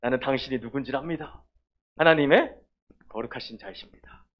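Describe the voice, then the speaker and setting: A man voicing a frantic demon possessing a man, shouting panicked pleas in a raised voice. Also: medium pitch, a little fast, lo-fi sound, close to an everyday voice.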